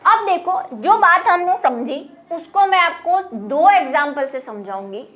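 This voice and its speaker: A woman's voice: extremely high pitch, expressive, a little slow, a bit bright. A woman teaching a biology lecture, explaining terms patiently in Hindi and English. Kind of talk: classroom lecture.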